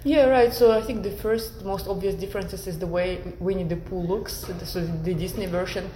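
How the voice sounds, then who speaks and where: A woman's voice: mid-range voice, steady tone, brisk, roomy sound, noisy background. A woman from Kazakhstan, a guest academic in an interview, talking thoughtfully with many fillers and restarts. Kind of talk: conversational interview.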